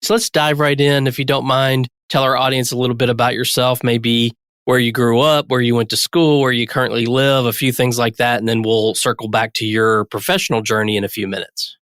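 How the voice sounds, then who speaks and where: Man from the US, podcast host, scripted intro then chatty questions, mid pitch, dry. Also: flat delivery, a little fast, fairly bright tone, smooth, dry recording. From United States. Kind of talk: podcast interview.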